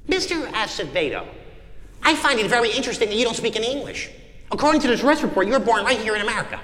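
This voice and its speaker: An exasperated, stern judge, played by a man who scolds with impatience. His voice is very high and bright with lively swings. It echoes through a hall with long reverb. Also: racing, exaggerated voice. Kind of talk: comedy sketch acting.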